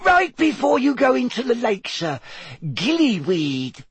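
Dobby, a very high, squeaky elf. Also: male voice, huge pitch swings, unhurried, no echo, exaggerated voice. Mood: earnest. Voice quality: squeaky, husky. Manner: servile, urgent, refers to himself in third person. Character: small squeaky earnest male house elf, frantic servant.

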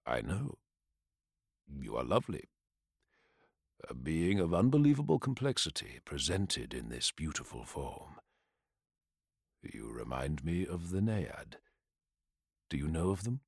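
Guy doing a super deep hushed swordsman, slow storyteller voice, dry sound. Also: sing-song, gravelly, husky, dry recording, exaggerated voice. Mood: reverent. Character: calm, reverent male swordsman storyteller.

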